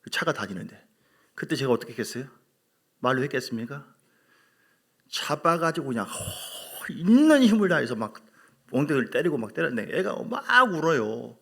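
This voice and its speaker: A man's voice: mid-range voice, moderate pace, vocal fry, slightly rough. A middle-aged male pastor preaching a sermon, telling stories emphatically and putting questions to the congregation. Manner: animated, emphatic storytelling with acted quotes.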